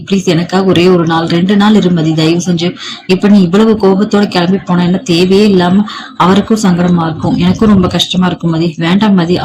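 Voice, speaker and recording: A storyteller reading the lines of a gentle middle-aged wife who talks softly, apologizing and pleading. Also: medium pitch, lightly acted, low-quality recording.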